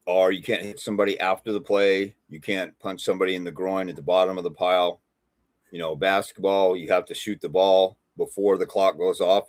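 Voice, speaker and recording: A man's voice: fairly low pitch, darkish tone, dry recording. A middle-aged man hosting a live stream on fathers' rights, talking bluntly and casually, often acting out courtroom exchanges.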